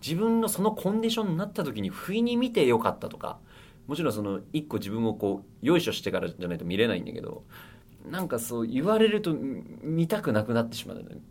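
Playful young man, lively rambling radio chat. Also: mid-range voice, quick pace, slight background noise. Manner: rambling, self-mocking, bursts of loud laughter and shouting. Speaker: radio host. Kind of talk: casual solo radio chat reading listener mail.

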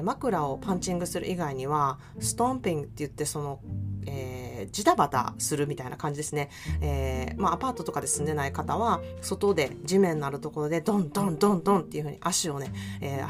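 A woman with a Kansai Japanese accent hosting a solo self-care podcast, talking softly and reflectively with many fillers. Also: fairly low pitch. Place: California.

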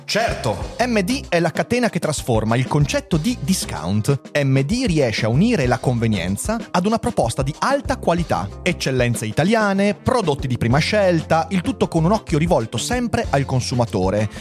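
A man's voice: fairly high pitch, sing-song, normal speed, few pauses, darkish tone, faint music behind. A man doing a playful sponsor segment as a comic sketch. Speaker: host reading a sponsor ad.

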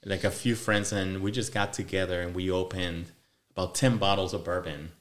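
A man with a low voice in a relaxed tasting chat. As co-host he tells a story, stressing his points with emphatic, insistent asides. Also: normal speed. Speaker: podcast co-host. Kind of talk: casual chat.

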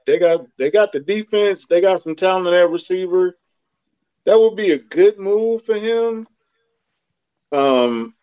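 A man's voice: fairly high pitch, a little mellow, no room sound, highs cut off. A man co-hosting a sports podcast, talking blunt and slangy in casual chat with jokes. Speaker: podcast co-host.

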